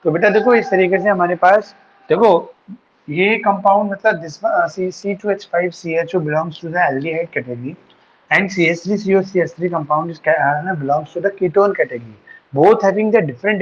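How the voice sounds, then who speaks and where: A man's voice: sits high, slight background noise. Man teaching chemistry online, dull sound. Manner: patient, addresses students as beta, mixes English terms. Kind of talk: online class lecture. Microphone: online class setup.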